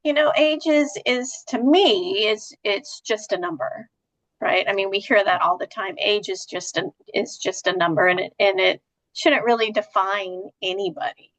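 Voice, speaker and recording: A woman's voice: mid-range voice, normal speed, a bit bright, low-quality recording. A woman in her fifties co-hosting a talk show, chatty and self-deprecating, full of "you know" and "right?". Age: 50s. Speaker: podcast co-host. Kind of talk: casual chat.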